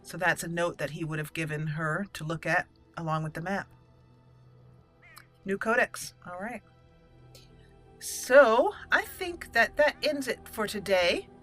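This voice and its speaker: Her voice is fairly low here, measured in pace with long pauses, as the host of a game roleplay channel chats through let's play commentary. She thinks aloud casually while soft game music plays under her voice.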